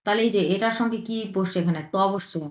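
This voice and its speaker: A woman teaching an online language lesson, who says each word slowly two or three times and checks in with short questions. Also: medium pitch, fairly even intonation, roomy sound. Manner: repeats words slowly, checks in with "হ্যাঁ?".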